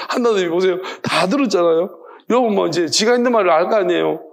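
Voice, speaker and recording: A male pastor gives a lively, chatty midweek sermon and laughs easily. His voice sits high for a man. It has a gravelly edge throughout. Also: quick pace. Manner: animated, conversational, laughs often.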